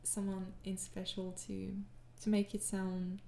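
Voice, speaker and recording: A young Frenchwoman who makes ASMR audio answers her fans in an unhurried, monotone, gravelly mid-range voice. The reverberant recording carries a little hiss or hum, and throughout this soft, casual Q&A she's weary, hesitant and apologetic, with frequent soft laughs and whispered moments.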